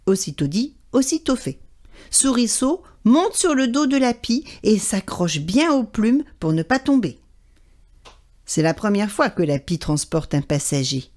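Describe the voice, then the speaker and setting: A woman telling a children's story aloud in an expressive, animated way. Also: mid-range voice, measured pace.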